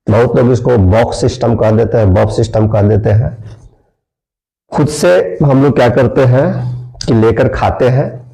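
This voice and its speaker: A man's voice: mid-range voice, gravelly, dark tone, low-quality recording. A man teaching English spelling, spelling words out letter by letter, repeating them and quizzing his listeners. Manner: slow, repeats words and asks the class.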